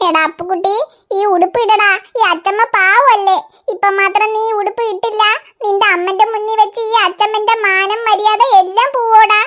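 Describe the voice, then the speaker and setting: A woman's voice: very high-pitched, fairly even intonation, moderate pace, fairly bright tone. A woman voicing a fussy, proud old grandmother in a cartoon, coaxing a grandchild and then scolding and pitying herself. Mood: fretting. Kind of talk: cartoon voice acting.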